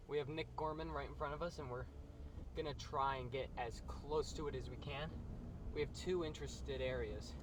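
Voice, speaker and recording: Excited storm-chasing man over loud wind noise. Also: medium pitch, normal speed. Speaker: storm chaser. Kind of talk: live storm chase commentary. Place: out in the field, in and around a vehicle. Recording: loud wind and vehicle noise, distant mic.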